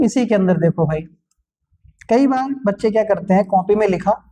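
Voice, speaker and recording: A man who teaches physics, giving exam tips in a relaxed classroom talk, repeating each point and joking with students. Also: high voice, moderate pace. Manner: chatty, repeats each point, calls students "bhai", light jokes.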